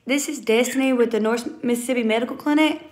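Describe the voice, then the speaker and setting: Speaking fast in a slightly mellow, higher voice, a young Southern US woman, a family vlogger, places a prank call and talks to the camera in a casual, polite way. The phone recording her is held at arm's length in a small room at home.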